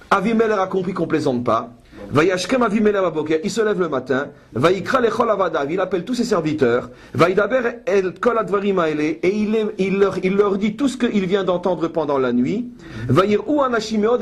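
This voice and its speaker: A woman's voice: mid-range voice, breathy edge. A woman giving a Torah study lesson. She reads Hebrew verses aloud and then explains them with pointed, ironic asides. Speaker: Bible teacher.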